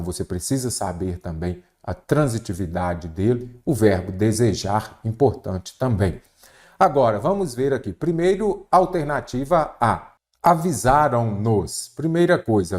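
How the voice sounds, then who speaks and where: A Brazilian man gives an exam-prep grammar lesson, voiced over a screen as he marks up examples. His voice sits fairly low and sounds mellow and dark. He explains step by step and keeps asking and answering his own questions. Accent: Brazilian Portuguese. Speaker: Portuguese grammar teacher.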